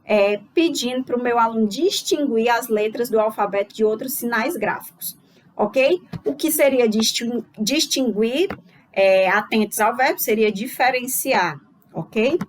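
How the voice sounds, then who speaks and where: A woman's voice: on the high side, measured pace, a little hiss or hum. A woman giving a recorded lesson to teachers, explaining step by step and checking in with the listener after each point. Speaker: teacher trainer.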